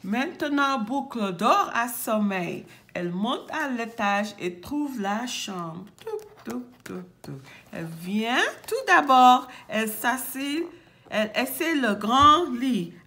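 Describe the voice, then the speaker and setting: Slow, expressive woman teacher reading aloud. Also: fairly high pitch. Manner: slow, expressive with stops and self-corrections. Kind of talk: reading a picture book aloud.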